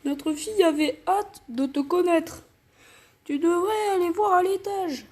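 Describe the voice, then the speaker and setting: A woman voicing an annoying neighbor mother in a squeaky, drawn-out voice. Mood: shrill.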